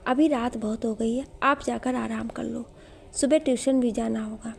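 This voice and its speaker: A woman storyteller voicing a gentle, protective middle-aged father in a spoken storybook. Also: a little high, steady tone, moderate pace, gravelly.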